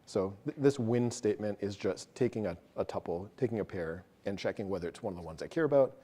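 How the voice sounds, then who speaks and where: A man presenting a technical talk to a live audience, quick and casual, joking about himself. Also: lowish voice, animated, mellow. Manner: fast, casual, self-deprecating. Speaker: meetup presenter. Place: meeting room with an audience.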